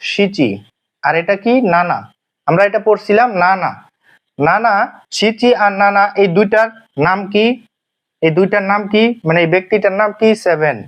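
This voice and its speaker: A man's voice: high voice, normal speed, long pauses, fairly bright tone. A man teaching a language class, repeating himself and asking and answering his own questions. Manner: repetitive, asks and answers own questions, many fillers. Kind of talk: classroom lesson explanation. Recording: dull lo-fi sound.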